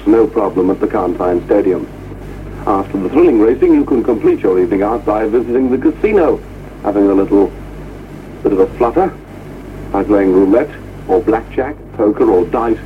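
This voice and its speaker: A man's voice: on the low side, slight background noise. A man hosting a radio request show with breezy, jokey patter and read-out ads, heard over an AM medium-wave broadcast. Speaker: radio disc jockey. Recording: tinny AM radio with music behind.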